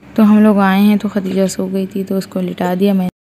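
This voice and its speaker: A woman's voice: medium pitch, little pitch movement, fairly quick, dark tone, slight background noise. Chatty young Pakistani mother vlogging at home. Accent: Pakistani Urdu. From Pakistan, Karachi. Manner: chatty, addresses viewers directly, shows items one by one. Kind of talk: casual vlog narration.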